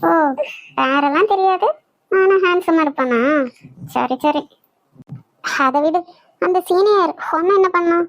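A woman's voice: very high voice, measured pace, pauses often, no echo, rough recording. A woman voicing a bossy young college girl who scolds her timid friend, with a Kanyakumari Tamil accent. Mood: curious. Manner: scolding, incredulous.

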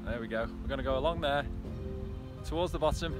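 A man's voice: mid-range voice, quick pace, over loud music. A man in his thirties giving casual vlog commentary into a handheld phone outdoors, talking on the move while trail running. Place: open moorland hillside, outdoors. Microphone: phone held at arm's length.

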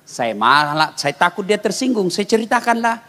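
A man from Makassar cracking jokes through a sermon, high-pitched and lively, booming reverb from the hall. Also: normal speed. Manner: animated storytelling, jokes, bursts of loud exclamation. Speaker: preacher. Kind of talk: humorous sermon.

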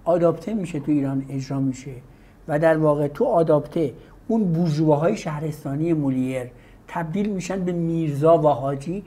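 A man's voice: a little high, dark tone. A man hosting an interview, curious, laying out a point before asking his question. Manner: curious, builds a point then asks. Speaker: interview host.

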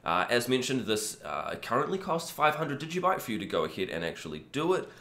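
A man in his thirties with a croaky, cold-affected voice, casually hosting a screen-share tutorial in an easygoing, informal way. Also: mid-range voice, big pitch swings, a little fast, a bit bright. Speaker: video host. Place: small room indoors. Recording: echoey untreated room.

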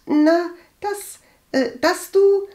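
A woman reading an audiobook and voicing a flustered, gossipy young cousin with a high, stammering, indignant voice. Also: very slow, mellow, heavily acted. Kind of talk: audiobook character voice.

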